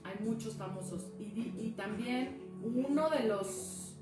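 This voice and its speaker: A woman's voice: on the high side, slow pace. A woman telling a personal story casually on a live stream, acting out the dialogue as she goes. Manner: chatty, acts out dialogue in the story. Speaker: speaker sharing a personal experience. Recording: echoey room with music behind.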